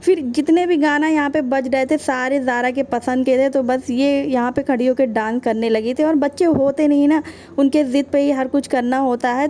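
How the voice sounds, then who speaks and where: Chatty young woman, high mellow voice. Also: slight background noise. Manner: chatty, addresses viewers as friends. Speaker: vlogger. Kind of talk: casual vlog narration.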